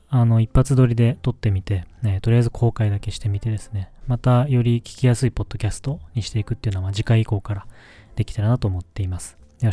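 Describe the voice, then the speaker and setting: A man's voice: lowish voice, mellow. A man hosting his own solo podcast, speaking politely and with many hesitant fillers. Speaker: podcast host.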